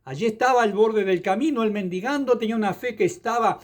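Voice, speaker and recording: A male evangelist with a fairly high voice delivers a passionate sermon. He drops hallelujahs between his phrases as he preaches. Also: quick pace. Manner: fervent preaching with interjected hallelujahs.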